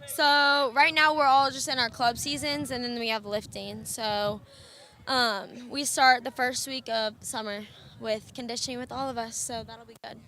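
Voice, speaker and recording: A young woman in her late teens, a high school athlete, answering casually in a sports interview. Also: steady tone, normal speed, pushed and bright. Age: teens, nearly adult. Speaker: high school volleyball player being interviewed.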